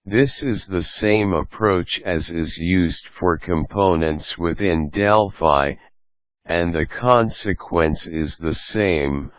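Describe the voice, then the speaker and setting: Slow, deep-voiced man reading technical prose. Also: dry recording. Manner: measured, even, formal reading. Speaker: narrator. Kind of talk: scripted reading of a programming article.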